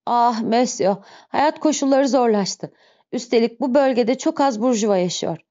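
A greedy scheming innkeeper wife with a raised, whiny voice, played by a woman reading a storybook. She pleads and fawns, soft and mellow in tone. The recording sounds dull and lo-fi. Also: on the high side, animated, normal speed, pitched above the performer's own voice, natural voice. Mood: pleading. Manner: whiny, pleading, then gushing. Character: greedy scheming female innkeeper, shrill and wheedling.

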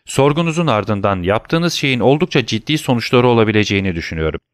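A man's voice: mid-range voice, expressive, fast talker, dry recording, studio quality, natural voice. A man voicing a shaken, secretive middle-aged male prosecutor who speaks curtly and commandingly, then turns persuasive. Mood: stern.

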